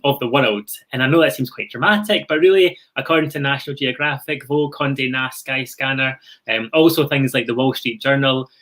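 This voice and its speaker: A young man with a broad Scottish accent presents over a video call at a middling pitch. He explains things informally and politely, with a reassuring manner, as a university representative addressing prospective students. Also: a bit bright. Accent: strong Scottish. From Scotland. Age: young adult. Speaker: university international officer giving a presentation. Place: indoor room on a video call.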